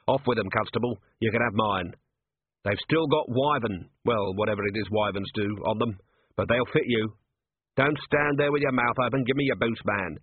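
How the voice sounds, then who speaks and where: Gruff, brusque watch commander, husky voice, voiced by a man; phone-thin sound. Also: fairly low pitch, normal speed, no echo. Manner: brusque, wry. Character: gruff middle-aged male watch commander, dry and brusque. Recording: tinny narrow-band, dry.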